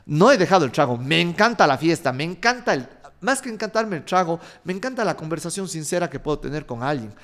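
A man, telling life stories in a frank, animated way and swearing casually. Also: on the high side, fast, hardly any pauses. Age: 30s. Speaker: vlogger sharing life lessons. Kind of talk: casual storytelling monologue.

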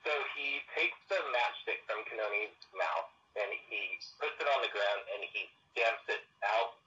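A man playing a tabletop roleplaying game over a call, his voice thin and tinny like a walkie-talkie with no bass, halting and restarting as he thinks aloud. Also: bright, forceful tone. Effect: thin, tinny walkie-talkie-like sound with no bass. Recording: faint lo-fi mic far from the speaker.

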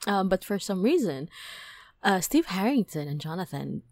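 A woman hosting a podcast, telling a dream story in a casual, animated way, packed with "like" and "right?", her voice climbing high when excited. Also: moderate pace, dry recording. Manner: animated, many fillers like "like" and "right?". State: toothache, on medication. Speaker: podcast host.

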